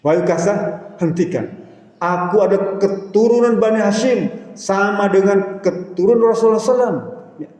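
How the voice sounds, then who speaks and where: A preacher plays a proud young companion who stands up for his kin in a firm, measured voice. The tone is high and mellow. A long reverb fills the hall around it. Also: natural voice.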